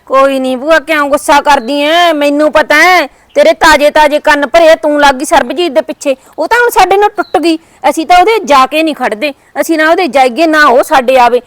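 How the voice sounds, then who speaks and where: A woman plays a niece in a village family skit, coaxing and placating in a high voice with a Punjabi accent. The sound is close and dry. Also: fairly quick, few pauses, fairly bright tone, no room sound. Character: niece coaxing her angry aunt home.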